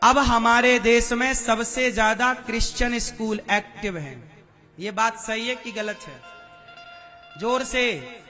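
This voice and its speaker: Brief: male preacher, very high bright voice, slow deliberate delivery, quizzes the crowd, faint music underneath. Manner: questioning the crowd, demanding answers. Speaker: religious preacher. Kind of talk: devotional sermon to a live audience.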